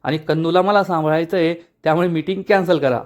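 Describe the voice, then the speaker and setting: A man's voice: a little high, fairly even intonation, fast, lightly acted. A man voicing a curt, irritable young company boss in an episode recap. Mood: peevish. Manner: curt, peevish.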